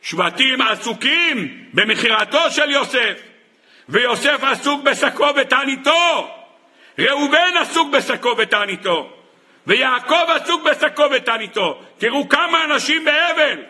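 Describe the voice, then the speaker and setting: A rabbi giving a sermon on the weekly Torah portion, impassioned, rising into pleading and dropping to hushed asides, slowing down when quoting sources. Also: male voice, expressive. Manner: impassioned, swinging between raised pleas and hushed low asides.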